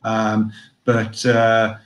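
A man's voice: lowish voice, monotone, extremely slow, reverberant. A man reviewing a caravan site in a casual online show, chatty, with lots of fillers and restarts.

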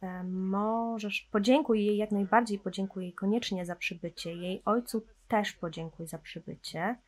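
A woman's voice: mid-range voice, steady tone, moderate pace, darkish tone. Chatty woman narrating her gameplay. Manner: chatty, talks to viewers and to her game characters. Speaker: gameplay commentator. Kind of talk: casual let's-play commentary.

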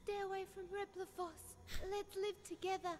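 An actress voicing a gentle young female android in a dubbed game cutscene, pleading softly and wistfully. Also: extremely high pitch, level tone, moderate pace, a little hiss or hum.

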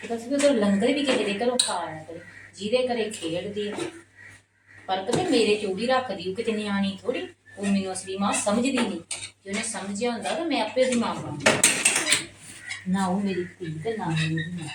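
A woman playing a sharp-tongued, complaining stepmother in a Punjabi family skit, arguing and grumbling. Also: mid-range voice, a little fast. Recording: roomy echo, distant mic, noisy background.

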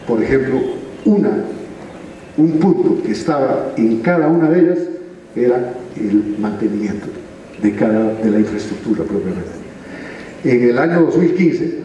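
A middle-aged man, a university rector giving a measured formal speech from his notes at a podium in a large hall. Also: mid-range voice, mellow, a little hiss or hum. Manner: measured, reading from notes, slowing for emphasis. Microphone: podium microphone, then handheld. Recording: echoey hall picked up from a distance.

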